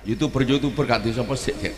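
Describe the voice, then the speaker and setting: A man's voice: medium pitch, quick pace. Joking man with an echoey voice. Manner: joking, teasing. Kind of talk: casual banter on stage. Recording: echoey hall reverb.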